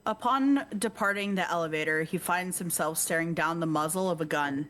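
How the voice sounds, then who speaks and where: This woman has a lowish, somewhat bright voice at a normal speed. Streaming a let's-play, she reads a visual novel's text evenly, often pausing to joke and laugh with a co-player.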